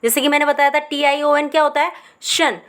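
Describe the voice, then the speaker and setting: A woman's voice: high-pitched, level tone, fairly quick, a bit bright. A woman teacher explaining English spellings, sounding words out syllable by syllable. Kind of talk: spelling lesson.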